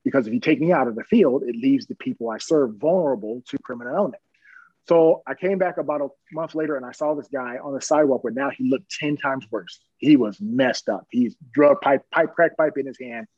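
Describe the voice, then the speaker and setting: A middle-aged man with a husky voice tells stories from his work as a police officer. He is earnest and plain-spoken and chuckles now and then. The recording is dry and dull, with a lo-fi sound. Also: medium pitch, a little fast, darkish tone, no echo. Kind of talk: personal storytelling in an interview.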